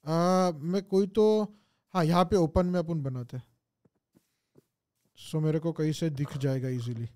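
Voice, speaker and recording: A man's voice: a little high, steady tone, measured pace, pauses often, warm tone. A young man, streaming a game in a casual way, thinking aloud and answering viewers' comments with English phrases mixed in. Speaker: gaming streamer. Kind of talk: casual live gameplay chat.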